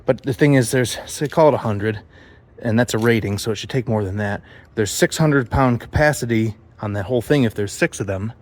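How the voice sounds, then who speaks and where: A man's voice: medium pitch, fairly quick. A man narrating a build vlog for theater sets in a rambling, chatty way, explaining his work as he goes. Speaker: set builder. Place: theater stage and workshop.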